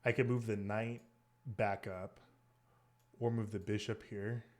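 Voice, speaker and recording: A man thinking aloud as he plays online chess, muttering moves and often dropping to a hushed near whisper. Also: lowish voice, level tone, measured pace. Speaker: chess streamer.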